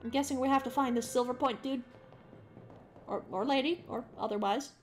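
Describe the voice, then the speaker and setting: High-voiced woman streamer playing a game. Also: brisk, faint music behind. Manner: laid-back, self-deprecating. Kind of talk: casual live-stream gameplay commentary.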